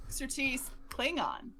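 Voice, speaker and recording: A woman's voice: sits high, wildly swooping pitch, very slow, pushed and bright, a little hiss or hum. A woman chatting casually and role-playing as a player in a tabletop game. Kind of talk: casual chat and role-play.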